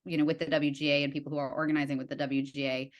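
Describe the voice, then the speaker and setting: A young adult woman, a guest in a casual conversation, telling stories in an animated way with lots of fillers and acted-out quotes. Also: deep voice, racing, dull audio. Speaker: guest, writer and art director.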